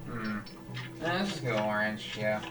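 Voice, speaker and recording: Game music plays clearly as a gaming channel host talks through a casual let's-play, his lowish, expressive voice sitting back from the mic in an echoey room. He speaks slowly and haltingly, thinking aloud and starting his sentences over.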